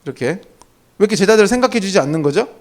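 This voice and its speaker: A middle-aged man gives a sermon in a relaxed, talkative manner. His voice sits high for a man, and he tells stories with lively animation. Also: rapid-fire. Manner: conversational, animated storytelling. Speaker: pastor.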